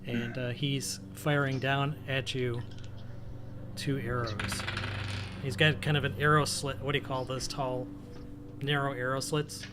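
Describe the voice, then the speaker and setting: A man's voice: mid-range voice, little pitch movement, unhurried, over music. A man acting as game master, describing scenes and rulings while thinking aloud. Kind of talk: running a tabletop game online.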